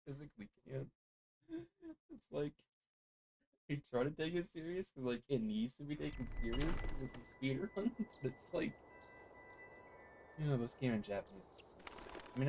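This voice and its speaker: A man's voice: medium pitch, darkish tone. A young man streaming a speedrun, chatting casually in a rambling way, with many fillers and frequent laughs. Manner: rambling, heavy on "like", laughs often. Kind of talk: casual commentary while playing. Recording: noisy game stream audio.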